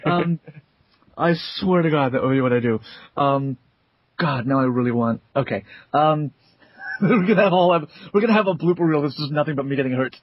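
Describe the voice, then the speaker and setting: A young man with a fairly high, husky voice talks in an animated, rambling way. He speaks from his desk into a dry, lo-fi recording. The sound is dull, with no room echo. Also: a little fast. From America. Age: young adult. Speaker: voice actor, interviewee. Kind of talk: casual interview chat.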